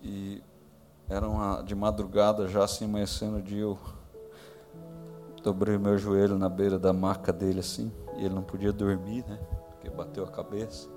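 A man, a pastor, telling a personal story in a sermon, acting out quoted voices high and loud, then dropping to hushed tones. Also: flat delivery, normal speed, over music. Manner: drops to hushed tones in tender moments.

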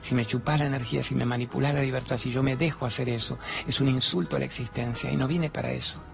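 Argentine man, motivational speaker, blunt and colloquial, acts out dialogues, mid pitch, faint music behind. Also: steady tone, fast, creaky. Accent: Argentine Spanish. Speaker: spiritual speaker. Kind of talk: motivational stage talk with storytelling. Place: studio with two fixed cameras.

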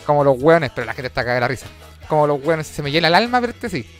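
High-voiced Chilean man telling comedy stories. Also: rapid-fire, music in the background. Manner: animated, slangy and profane. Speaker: comedian host. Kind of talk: casual comedic storytelling.

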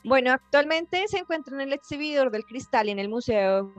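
A woman hosting a podcast, telling spooky stories in a jokey, excitable way. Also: sits high, brisk, highs cut off, faint music behind. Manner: excitable, jokey, reacts loudly. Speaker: podcast host. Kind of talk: casual chat telling paranormal stories.

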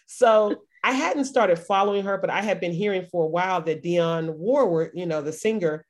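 A woman in her forties, co-hosting a casual podcast chat, telling a story with lively energy and frequent laughter. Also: fairly low pitch, moderate pace. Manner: animated storytelling, laughing often. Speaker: podcast co-host.

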